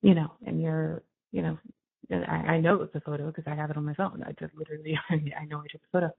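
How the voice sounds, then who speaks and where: A man talking casually on a prison phone call, emphatic and supportive, with a halting delivery. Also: on the high side, little pitch movement, gravelly, breathy edge. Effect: prison phone line. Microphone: telephone. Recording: tinny narrow prison phone line.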